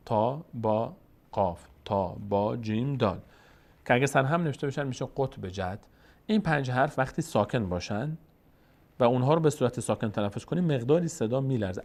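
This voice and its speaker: Guy teaching quran recitation, tajik-ish persian accent, drags out the arabic words slow to show how they sound. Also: mid-range voice, animated, darkish tone. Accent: Tajik-influenced Persian. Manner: slow, drawn-out demonstration of Arabic words between explanations. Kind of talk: recitation lesson.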